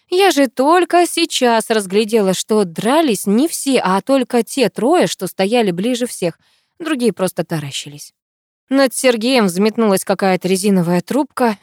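A woman reading a first-person novel aloud as an audiobook narrator, with an emotional, expressive delivery. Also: mid-range voice, dry recording, clean studio sound.

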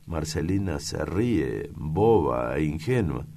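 A man reading a novel aloud in a measured, deliberate way. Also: extremely low pitch, sing-song, gravelly, dark tone. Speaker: audiobook reader. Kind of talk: literary narration.

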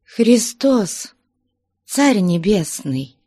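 A woman's voice: fairly high pitch, animated, a little slow, darkish tone, no room sound, studio quality, pitched above the performer's own voice. A woman voicing a young maiden who pleads emotionally to join a convent in an audiobook. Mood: pleading.

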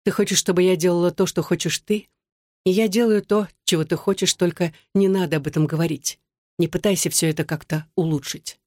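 A woman's voice: lowish voice, fairly even intonation, fairly quick, a little mellow, no room sound, studio quality, natural voice. An audiobook reader voicing a desperate young woman who pleads through tears and murmurs. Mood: bitter.

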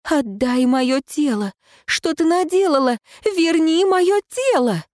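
Woman doing a weeping ghost girl, shrill and loud, accusing, storybook reading. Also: animated, takes it slowly, dry recording, clean studio sound. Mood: furious sobbing. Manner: shrieking, accusing, tearful.

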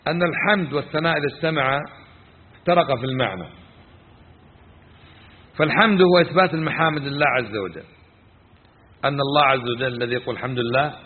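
A man with a slightly high voice gives a scripture lesson, quizzing his listeners and repeating key phrases. The sound is thin and phone-like, with a long reverb trailing through a hall. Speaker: religious teacher. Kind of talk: classroom lesson explaining scripture.

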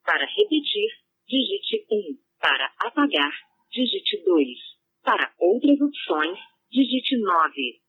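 A woman voicing an automated voicemail system, with a flat, mechanical delivery. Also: mid-range voice, takes it slowly, pauses often, husky, full character voice. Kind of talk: automated phone menu. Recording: tinny phone line.

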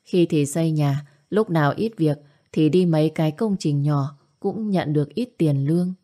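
Steady woman narrator. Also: sits low, normal speed. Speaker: storyteller. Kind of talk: audio story narration.

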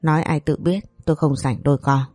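A woman's voice: low-pitched, steady tone, a little fast, a little mellow, no room sound, clean studio sound, soft background music. A woman voicing a cold, arrogant young man who speaks curtly and dismissively. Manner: curt, dismissive.

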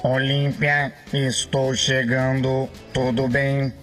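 A man's voice: mid-range voice, music in the background. A man playing an old man whose speech comes out half robotic through a throat voice device, in a comedy radio sketch. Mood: deadpan. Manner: flat, slow and monotone. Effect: half-robot buzzing voice from a speech aid.

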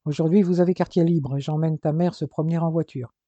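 A reader voicing a busy adult father who talks in a brisk, dismissive way. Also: medium pitch, steady tone, mellow, no echo, lo-fi sound, lightly acted.

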